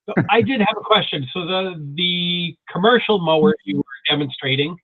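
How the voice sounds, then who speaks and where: A man's voice: sits high, moderate pace, no echo. Man on a video call, inquiring, dry lo-fi line. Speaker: participant asking questions.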